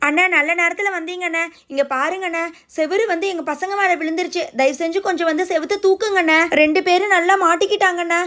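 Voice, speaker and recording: A woman's voice: very high voice, steady tone, fast talker, fairly bright tone. A woman voicing a flustered mother fretting over her trapped boys in a doll video. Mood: pleading. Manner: fretful, exclaiming.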